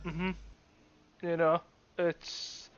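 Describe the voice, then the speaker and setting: A high-voiced man provides live snooker co-commentary, chatty and opinionated as he freely offers his own verdicts on the play. His tone is level, clear and resonant, with drawn-out words, though the recording sounds dull and lo-fi.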